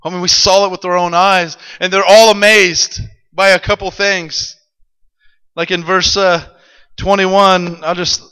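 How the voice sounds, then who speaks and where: A male preacher telling a Bible story to a congregation, building from calm narration to excited shouts. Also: high voice, clean tone. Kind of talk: sermon. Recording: long hall reverb.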